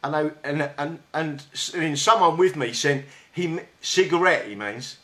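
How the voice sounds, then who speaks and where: Speaking at a moderate pace with a slightly high, sharp-toned voice, a radio host from England with a South London accent keeps the interview chat casual. He hesitates and restarts a lot. The setting is a radio studio, with a studio mic and big headphones.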